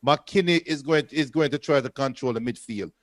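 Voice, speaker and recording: A man co-hosting a football watch-along, joking and giving shout-outs to viewers. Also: mid-range voice, moderate pace, no echo. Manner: jokey, reads out viewer shout-outs, laughs often.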